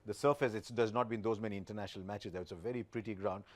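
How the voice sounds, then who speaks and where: A man's voice: lowish voice, steady tone, rapid-fire. A man hosting a cricket show, presenting and putting questions in a conversational studio style.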